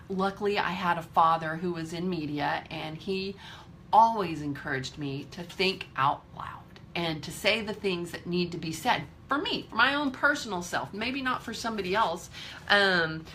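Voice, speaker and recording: A woman's voice: on the low side, bright, forceful tone, slight background noise. A woman in her fifties giving a candid, emphatic motivational talk to her viewers, swearing freely. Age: 50s. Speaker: vlogger.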